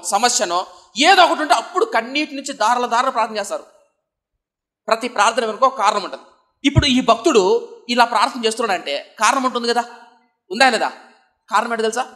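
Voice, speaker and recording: A young man from Andhra Pradesh, India, preaching a sermon, asking the congregation rhetorical questions and swinging between loud emphatic lines and soft low passages. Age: young adult.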